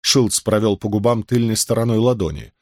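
A man narrating an audiobook in an expressive, dramatic storytelling manner. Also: on the low side, fairly quick, no echo, clean studio sound. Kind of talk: scripted narration.

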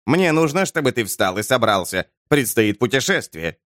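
A man voicing a wry, sly male wanderer who speaks calmly and dryly. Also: mid-range voice, normal speed, no room sound, clean studio sound.

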